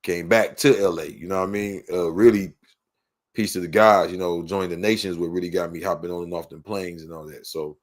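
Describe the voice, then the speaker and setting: Here's a man from Los Angeles, United States, with a deep voice, fairly even intonation and a slightly fast delivery. As a podcast guest recounting his story, he talks casually in slang and keeps saying "you know what I mean."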